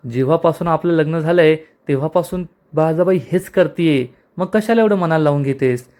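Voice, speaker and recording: A man's voice: on the high side, brisk, darkish tone, natural voice. A man reading the lines of a playful young husband in a TV serial recap, chatty and reassuring. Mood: bantering. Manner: bantering, chatty.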